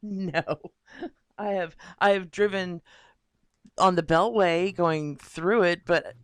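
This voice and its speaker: A woman's voice: fairly low pitch, slow pace, clear, resonant tone, no echo, studio quality. A woman co-hosting a live painting stream, chatting casually and listening in an easygoing, supportive way. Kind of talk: casual chat.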